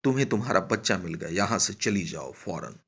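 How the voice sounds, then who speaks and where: A stern railway constable barks firm, loud orders, as a storyteller acts him out in a deep, gravelly voice. The recording is muffled and lo-fi. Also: male voice, big pitch swings, fairly quick, exaggerated voice. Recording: dull lo-fi recording.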